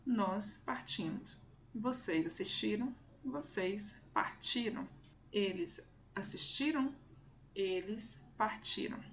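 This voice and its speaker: Patient woman teacher, measured pace, slightly gravelly voice, models each word twice for learners. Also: medium pitch, a little hiss or hum. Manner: careful, deliberate, repeats words and models pronunciation. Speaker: language teacher. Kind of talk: slow, clearly enunciated lesson for learners.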